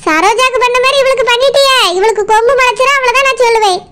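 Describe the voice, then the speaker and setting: A woman's voice: very high-pitched, very fast, a bit bright. A woman doing a meddling gossipy village woman. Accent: Tirunelveli Tamil. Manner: meddling, persuasive.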